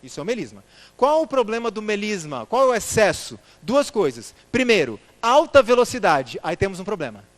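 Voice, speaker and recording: A man's voice: high-pitched, sing-song, fairly quick. A man giving a church lecture, putting rhetorical questions to the congregation and calling them brothers. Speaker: church speaker.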